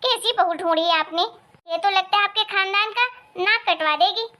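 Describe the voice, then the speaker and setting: A spiteful young sister-in-law in a cartoon family story, with a high voice pitched a little lower than the heroine's, as a woman puts her on. She sneers and accuses, stirring up trouble. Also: moderate pace, bright, forceful tone. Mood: scornful.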